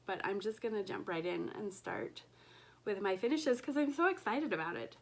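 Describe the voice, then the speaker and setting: A woman recovering from an illness chats casually to camera as a cross-stitch vlogger at home, gushing and slipping into soft whispers over her stitching. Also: medium pitch, lively intonation, normal speed, creaky, a little hiss or hum. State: recovering from illness, voice recently lost.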